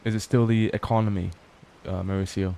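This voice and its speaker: A man's voice: fairly low pitch, level tone, fairly quick, creaky, dark tone, slight background noise. A tired young man casually chatting on a livestream, reading chat aloud and swearing often. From Scotland. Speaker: livestream host. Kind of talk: casual late-night stream chat.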